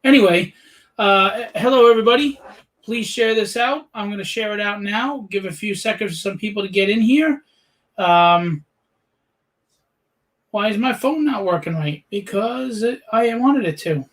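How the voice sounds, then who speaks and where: A man's voice: high voice, lively intonation, moderate pace, fairly bright tone, poor audio. A man in his late forties hosting a casual interview chat, chatty and joking. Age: 40s. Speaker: podcast host.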